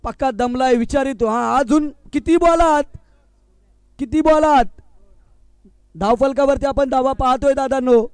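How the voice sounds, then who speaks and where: A man's voice: very high voice, measured pace, long pauses, dry recording. A man doing live commentary at a local cricket match, teasing the players in playful banter. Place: outdoor local cricket ground.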